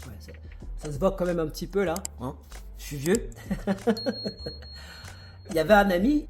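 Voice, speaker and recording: Guy ranting motivational stuff at the camera, punchy and emphatic, soft music underneath. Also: high voice. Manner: emphatic, with rhetorical questions to the viewer. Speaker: real estate investor and video host.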